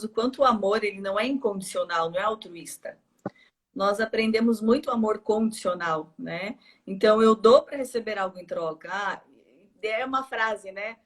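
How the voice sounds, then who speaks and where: A woman hosts a calm, reflective conversation in a mid-range voice. She speaks softly and often lets sentences trail off with a questioning "né?". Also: medium pitch. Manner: soft, trails off with 'né?'. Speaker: host, family constellation facilitator.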